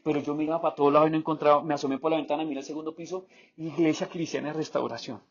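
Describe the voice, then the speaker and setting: Colombian pastor telling a testimony. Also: male voice, a little high, racing, faint music behind. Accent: Bogotá Colombian Spanish. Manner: animated storytelling, acts out quoted voices. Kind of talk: sermon testimony. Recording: slightly dull lo-fi sound.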